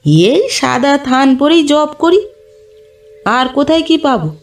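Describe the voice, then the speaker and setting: Woman doing a timid old village widow for a storybook: high, slow, hesitant, rustic, heard from a distance. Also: sing-song, heavily acted. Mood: timid, plain. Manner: hesitant, plain rustic speech. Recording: distant mic, faint background music.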